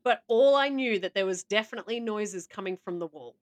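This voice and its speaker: A woman's voice: mid-range voice, expressive, a little fast. A woman co-hosting a casual podcast, reading out stories with playful asides and laughter. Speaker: podcast co-host.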